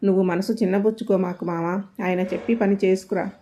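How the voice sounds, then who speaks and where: A woman's voice: medium pitch, fairly even intonation, brisk, warm tone, a little hiss or hum, natural voice. A woman voicing a spirited young village wife who speaks boldly and directly. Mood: tender. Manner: bold, direct, defiant.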